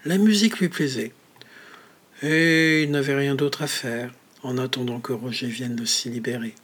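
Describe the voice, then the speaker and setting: A man narrating a story in a measured manner, often dropping to a whisper. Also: medium pitch, fairly even intonation, a bit bright, breathy edge. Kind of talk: audiobook story reading.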